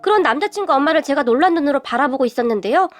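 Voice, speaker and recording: A young woman narrating a scripted first-person story in a steady, confessional way. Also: sits high, rapid-fire. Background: faint music.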